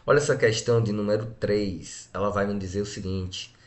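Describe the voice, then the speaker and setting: A man's voice: fairly low pitch, steady tone, brisk. A Brazilian man teaching a grammar lesson, splitting words syllable by syllable and checking in with short tag questions. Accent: Brazilian Portuguese. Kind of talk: exam-prep grammar lesson.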